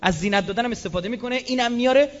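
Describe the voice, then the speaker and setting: A man delivering a lively religious sermon, switching between recited scripture and casual, joking asides. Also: extremely high pitch. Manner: animated, with Quranic quotes and colloquial asides. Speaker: religious speaker. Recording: slightly dull lo-fi sound.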